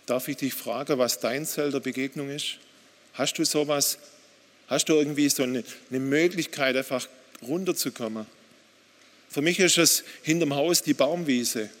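German-speaking preacher in a reverberant hall. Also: male voice, medium pitch, normal speed, fairly bright tone. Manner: direct, addresses listener with questions; reads quotes aloud with rising intensity. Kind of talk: sermon.

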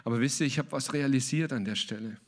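A man's voice: mid-range voice, fast. A man preaching a sermon as a pastor, emphatic and colloquial, mixing in English words.

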